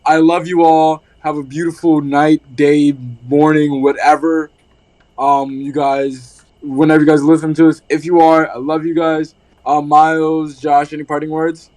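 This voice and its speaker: A man's voice: on the high side, flat delivery, measured pace, a little mellow, poor audio. A man hosting a casual podcast, loose and profane, rambling with lots of fillers. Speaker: podcast host.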